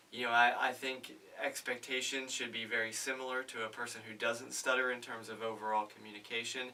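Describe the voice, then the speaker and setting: A man speaking on a panel about stuttering, earnest and measured, with frequent fillers. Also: medium pitch, sharp tone, recorded from a distance, a little hiss or hum, rough recording. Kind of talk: casual panel discussion.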